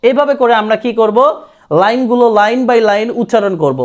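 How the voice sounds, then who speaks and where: A man teaching English pronunciation, slowly repeating words and practice phrases for his viewers. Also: extremely high pitch, steady tone, a little mellow. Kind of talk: spoken language lesson.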